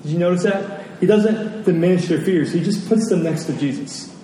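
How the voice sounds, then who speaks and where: A man with a high, mellow voice preaches a sermon to a congregation at a moderate pace, speaking emphatically and repeating phrases for effect. The recording comes from a very echoey hall, picked up by a distant mic with faint noise.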